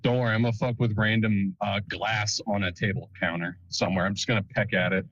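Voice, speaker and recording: A man's voice: on the low side, fairly even intonation, fast, a bit bright, no echo. A man playing a tabletop game, talking casually and swearing often over a phone call from his car. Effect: phone call from a moving car. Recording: dull lo-fi phone line from a car.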